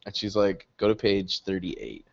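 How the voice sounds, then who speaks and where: A young man co-hosting a podcast, spinning a long story with a lively, swooping voice. He swears freely and laughs often as he talks. The recording sounds dull and lo-fi. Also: sits low, a little slow, vocal fry. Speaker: podcast co-host. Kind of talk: casual storytelling chat.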